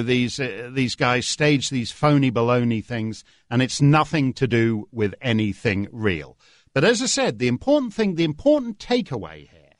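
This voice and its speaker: A man's voice: a little high, dry recording. A man guest-hosting a talk radio show from a studio, delivering a sardonic, joking monologue with frequent "uh" fillers. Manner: sardonic, jokey, many "uh" fillers. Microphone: studio microphone.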